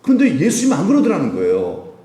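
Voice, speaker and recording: A man preaching a Friday prayer sermon as pastor, animated with emphatic peaks and slowly quoted scripture. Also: fairly high pitch, roomy sound. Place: church sanctuary.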